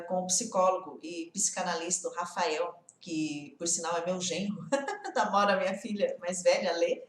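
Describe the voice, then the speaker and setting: A woman's voice: medium pitch, roomy sound. A woman in her forties teaching an online English lesson in a chatty way, asking the viewer many rhetorical questions.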